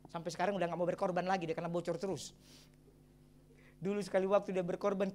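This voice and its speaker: A middle-aged man, a pastor, preaching a sermon and telling his own story in a lively way with exclamations and chuckles. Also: high voice. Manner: addresses the congregation as brothers and sisters. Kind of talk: sermon with personal testimony.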